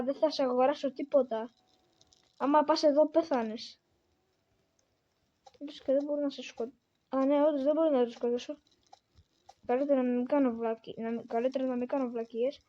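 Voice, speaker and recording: High-voiced woman chatting through gameplay. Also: darkish tone, lo-fi sound. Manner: talks to herself and the game, exclaiming often. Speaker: gamer. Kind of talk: casual gameplay commentary.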